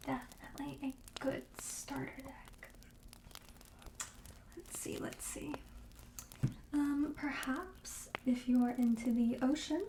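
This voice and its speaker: A woman voices a friendly, darkly quirky witch running a shop in an ASMR roleplay, her soft, breathy sales patter gently coaxing and often sinking to a whisper. Her voice sits high. The low-quality recording has an echoey room and slight background noise.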